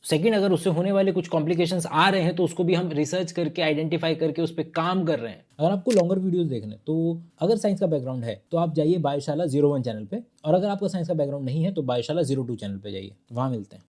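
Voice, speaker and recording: A man's voice: on the high side, lively intonation, fast, hardly any pauses, a little mellow. A man hosting a science channel, explaining in a conversational monologue full of rhetorical questions and everyday examples. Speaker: science educator, channel host.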